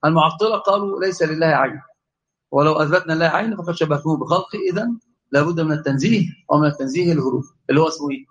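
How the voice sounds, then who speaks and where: Animated Egyptian man teaching theology. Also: a little high, racing, dull audio. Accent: Egyptian Arabic. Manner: animated, asks the class questions and calls on students. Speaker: religious teacher. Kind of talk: Islamic theology lesson.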